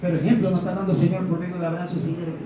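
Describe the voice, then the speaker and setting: A man's voice: sits high, level tone, very fast, crowd noise. A man from Ecuador preaching a Pentecostal sermon, asking his congregation questions and acting out little dialogues. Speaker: evangelist preacher. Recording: very echoey room, voice from a distance, faint noise.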